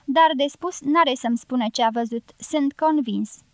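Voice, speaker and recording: A dry, skeptical young man from an audiobook, as a woman narrator reads him. His thoughts unfold in a wry, reasoning voice. It is read high and very close to the mic. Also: dry recording. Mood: musing. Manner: wry, reasoning inner monologue.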